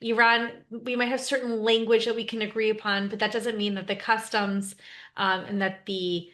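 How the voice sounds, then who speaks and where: A woman's voice: medium pitch, flat delivery, moderate pace, a bit bright. A woman co-hosting a podcast, chatting casually in an agreeable, musing way. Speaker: podcast co-host. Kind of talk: casual discussion.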